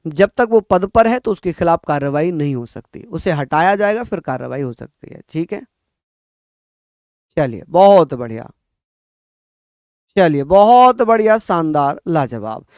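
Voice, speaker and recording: High-voiced man teaching exam prep. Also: expressive, measured pace, pauses often, darkish tone, no echo, studio quality. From Uttar Pradesh, India. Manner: addresses students as bhaiya, repeats points for dictation.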